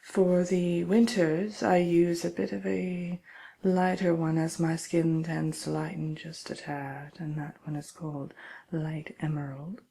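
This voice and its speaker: A woman playing a vain, sinister, cynical witch in an ASMR roleplay, speaking haughtily and haltingly, sometimes dropping to a whisper. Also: sits low, flat delivery, vocal fry, warm tone, slightly rough, exaggerated voice. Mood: vain, self-satisfied. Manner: haughty, unhurried, halting, partly whispered delivery. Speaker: host answering listener questions. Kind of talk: ASMR character roleplay chat.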